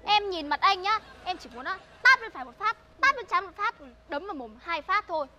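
A woman's voice: very high voice, animated, brisk, heavy background noise. A young woman acting a cheeky student who mocks and wheedles in a comedy sketch. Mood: mocking. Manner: cheeky, mocking, sing-song pleading.

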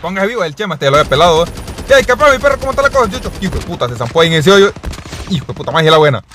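A young man calls out his shooter match live, his voice sitting high. He is excitable and talks in crude street slang to his viewers, with a faint hiss of noise behind him. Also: racing. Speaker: gaming streamer. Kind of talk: live gameplay commentary.

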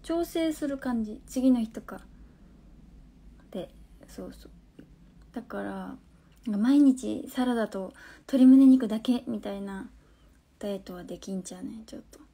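A young woman in her twenties speaking with a Hakata dialect, her voice sitting a little on the high side. She chats casually into her phone on a live stream, reading out viewers' comments and answering them, now and then sinking into soft, near-whispered asides. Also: moderate pace. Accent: Hakata dialect of Fukuoka.

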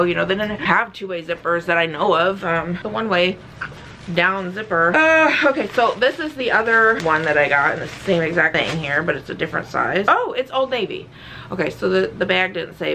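A young woman vlogs from home in a bright, forceful voice. She is a little short of breath and rambles casually with plenty of fillers. A faint ambient hum sits under the recording. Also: mid-range voice, creaky. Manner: chatty and rambling, with frequent fillers and laughs. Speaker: vlogger. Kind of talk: casual chat.

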